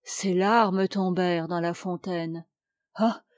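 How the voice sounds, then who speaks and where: A woman reading a classic novel aloud as an audiobook, in a measured, expressive way. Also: mid-range voice, no echo. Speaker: audiobook reader.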